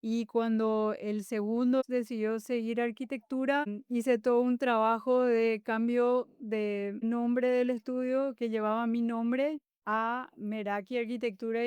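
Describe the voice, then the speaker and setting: Woman, smooth and clear. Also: fairly high pitch, no echo. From Paraguay. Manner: warm, reflective, frequent hesitations. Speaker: guest architect. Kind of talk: conversational interview answers.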